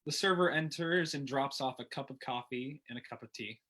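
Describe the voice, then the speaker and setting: A man reading the stage directions of a play in a plain, even manner. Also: medium pitch, brisk.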